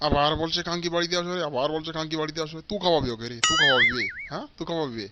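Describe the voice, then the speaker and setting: A man voicing a stingy, foul-mouthed old father in a comic cartoon, shouting and cursing at his family. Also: fairly high pitch, rapid-fire, lo-fi sound, very noisy, lightly acted. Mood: angry. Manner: shouting, cursing, repeating threats.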